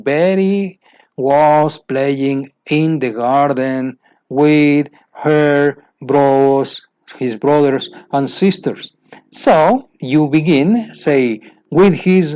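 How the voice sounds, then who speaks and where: Teaching other teachers about an English method, a Spanish-speaking Mexican man with a Mexican accent keeps repeating points and asking "you know why?" with rising emphasis. His voice is a little high and a little mellow, and the audio is poor, with no echo.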